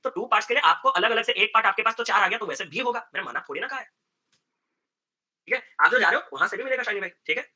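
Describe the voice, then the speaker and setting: A man teaching math in a lively exam-prep class, acting out exchanges with students and mixing English terms into Hindi. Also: high voice, racing. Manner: animated, acts out student dialogues, mixes English terms into Hindi. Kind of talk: live online exam-prep lesson.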